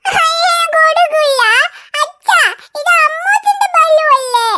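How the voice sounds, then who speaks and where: A woman's voice: extremely high pitch, unhurried, bright, forceful tone, full character voice. Whiny stubborn cartoon girl. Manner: whining, crying pleas. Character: stubborn little schoolgirl, whiny and possessive. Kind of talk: cartoon voice acting.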